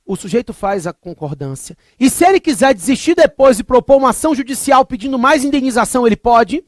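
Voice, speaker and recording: A Brazilian man in his thirties, with a Brazilian Portuguese accent, gives a recorded exam-prep law lecture in a very high, animated, fast voice. He hammers key points emphatically and repeatedly, drifting into comic anecdotes, captured dry with studio quality.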